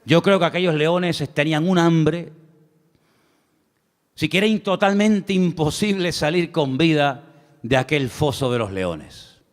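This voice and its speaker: A man with a high voice preaches to his congregation, swinging from a quick chatty storytelling tone to slow, drawn-out scripture reading. He calls his listeners brother and keeps asking for amens. A long reverb trails his words as in a large hall. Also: expressive. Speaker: pastor. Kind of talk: sermon.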